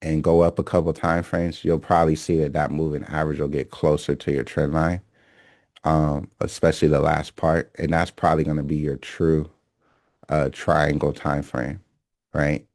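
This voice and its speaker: A man's voice: extremely low pitch, level tone, moderate pace, darkish tone, no room sound, clean studio sound. A man teaching a recorded lesson on reading market charts. He talks emphatically, repeats key phrases and keeps checking in with "okay?" and "right?". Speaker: trading instructor.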